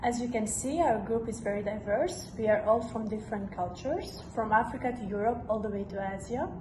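A woman's voice: on the high side, brisk. A young woman giving a rehearsed class presentation, filmed in a classroom by a camera some distance away. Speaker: student presenter. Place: classroom with whiteboard. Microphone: far camera. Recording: echoey room, background noise.

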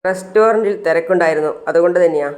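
A man's voice: sits high, fast talker, natural voice. A storyteller voicing an evasive young man who gives short, guarded replies. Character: evasive young man avoiding his friend.

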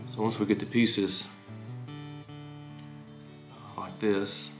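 With music in the background, an older man presents his woodworking channel in a lowish voice. He takes his time, calmly telling the history and then demonstrating at his workshop bench.

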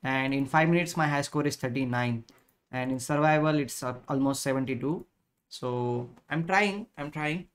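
A man in his thirties speaks with an Indian accent at a middling pitch. He chats casually like an instructor hosting a live stream, stopping and restarting, often saying a phrase twice. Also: normal speed, smooth. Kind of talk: casual live stream chat while playing chess.

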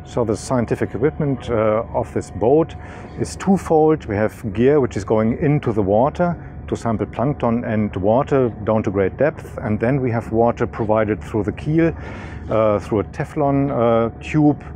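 A man's voice: mid-range voice, unhurried, dark tone, slight background noise. A middle-aged man, a marine scientist, explaining equipment outdoors on a yacht deck, with frequent hesitations. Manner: hesitant, many uh fillers. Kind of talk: on-camera explanation.

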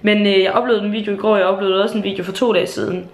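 A woman's voice: mid-range voice, steady tone, echoey room. A young woman in her late teens from Jutland, chatting casually in a home vlog in a bubbly, gushing way, with swearing and fillers. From Jutland, Denmark. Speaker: YouTuber. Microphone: handheld camera.

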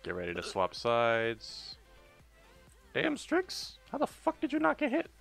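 A man's voice: medium pitch, huge pitch swings, a little slow, creaky, fairly bright tone, faint music behind. A man streaming a game, chatting and cheering his raid group on with jokes and swearing. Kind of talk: casual gaming voice chat.

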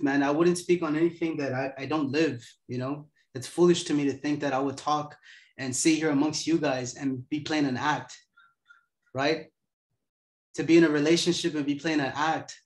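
A man's voice: a little high, echoey room. A man in his twenties giving a casual motivational talk as host, laid-back and profane. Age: 20s.

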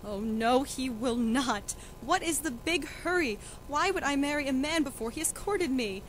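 A woman's voice: high-pitched, lively intonation, normal speed, slight background noise, poor audio. A young woman playing a desperate, defiant young noblewoman who pleads and protests emotionally. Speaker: student actor in a school reading.

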